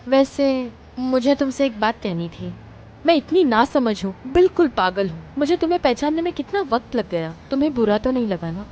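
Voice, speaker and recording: A woman dubbing a talkative, bold teenage schoolgirl in a TV drama, with a lively, coaxing delivery. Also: high-pitched, moderate pace, lo-fi sound, slight background noise. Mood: tender. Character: chatty bold teen schoolgirl. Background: background music.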